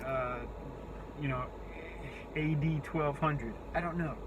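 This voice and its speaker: A young man in his twenties speaks in a thin, squeaky voice, thinking aloud in an unscripted monologue. He is halting and rambling, often searching for the next word. There is clear background noise throughout the recording. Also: fairly even intonation, lo-fi sound. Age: 20s.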